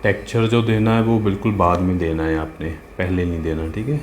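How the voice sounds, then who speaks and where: Art teacher, male, low voice, patient casual tutorial tone, echoey room. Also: fairly even intonation, brisk, slight background noise. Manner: patient, talks while working, asks "है ना?" and "ठीक है?" often. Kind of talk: casual step-by-step drawing tutorial. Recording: roomy with faint ambience.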